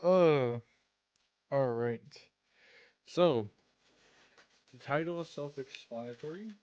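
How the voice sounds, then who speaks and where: Lisping man, halting and rambling. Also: a little high, a little mellow, clean tone, dull audio. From Canada. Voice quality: lisp, slushy s, slightly slurred words. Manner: halting, rambling, repeats and restarts phrases. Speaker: content creator and streamer. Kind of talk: casual self-introduction vlog.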